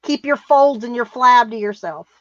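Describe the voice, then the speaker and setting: A woman's voice: fairly high pitch, expressive, moderate pace, no echo. A middle-aged woman co-hosting a livestream, reading viewer comments in a blunt, rambling casual chat. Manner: blunt, rambling, laughs often. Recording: muffled, dry sound.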